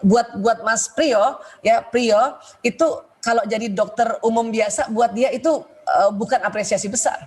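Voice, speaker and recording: A woman's voice: fairly high pitch, unhurried, husky. A middle-aged woman doctor giving a webinar lecture on children's temperaments in a chatty way, laughing often and asking the audience questions.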